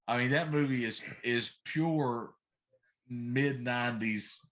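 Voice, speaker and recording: A middle-aged man co-hosts a casual talk show about films, giving his opinions emphatically. His mid-range voice is fairly bright and he speaks at a slow pace.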